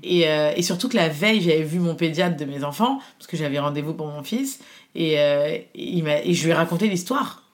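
A woman in her thirties telling a personal story in casual chat, animated and full of fillers, often quoting what others said. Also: deep voice, fairly quick.

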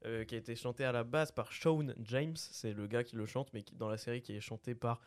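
A man's voice: mid-range voice, steady tone, a little fast. Young man hosting a casual podcast. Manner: hesitant, many fillers. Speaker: podcast host.

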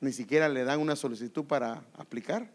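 A man's voice: mid-range voice, a little fast. A man preaching a sermon, emphatic and repetitive, often asking the congregation questions.

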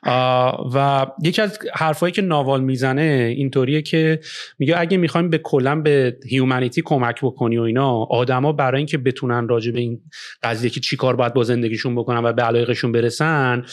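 A startup founder from Iran in a casual podcast conversation, often dropping English phrases and filling pauses with "uh" and "you know". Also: male voice, mid-range voice, fairly even intonation. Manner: mixes English phrases into Persian, frequent "uh" fillers and "you know". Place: Canada.

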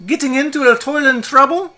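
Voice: high-pitched, a little fast, pushed and bright, soft background music, pitched above the performer's own voice. A game master voicing a friendly male goblin ride keeper who talks in odd rhyming slang. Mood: chirpy.

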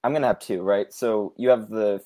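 Man, podcast co-host, lowish voice, confident quick quips. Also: dark tone. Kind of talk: casual chat.

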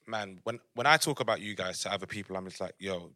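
A man's voice: low-pitched, fast, sharp tone, dry recording, studio quality. A man with a London accent co-hosting a casual chat in effusive, slangy talk. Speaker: podcast co-host.

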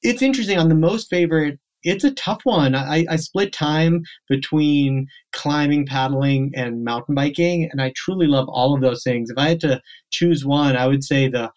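A man's voice: fairly high pitch, normal speed, darkish tone. A man in his thirties, born in South Africa and raised near Boston, answering interview questions earnestly with small restarts. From born in South Africa, grew up near Boston. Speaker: podcast guest, outdoor camp CEO.

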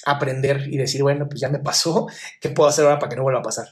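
A man's voice: medium pitch, steady tone, racing. A man hosting a live stream, reading viewer questions aloud and answering them with frank emotional advice, calling viewers "my love.". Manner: affectionate, calls viewers "my love".

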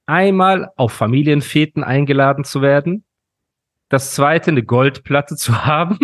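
A man's voice: fairly high pitch, unhurried, dry recording. Dry, mock-serious male podcast host. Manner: mock-serious, ironic ranting. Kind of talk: casual podcast chat.

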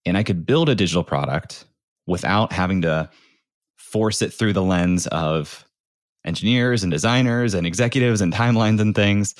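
A deep-voiced podcast guest, a former startup founder who became a creator, tells his story conversationally at normal speed, peppering it with "like." The sound is dry, with no echo.

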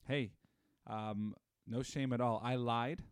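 A man's voice: mid-range voice, takes it slowly, clean tone, no echo, studio quality. A man in his thirties, a guest telling stories in casual chat with lots of fillers. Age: 30s. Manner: animated storyteller with many fillers. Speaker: podcast guest.

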